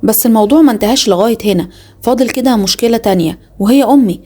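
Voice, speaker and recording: Young woman, Egyptian accent, first-person storytelling, confiding, very fast, mellow dark voice. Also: a little high. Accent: Egyptian Arabic. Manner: confiding, dramatic inner monologue.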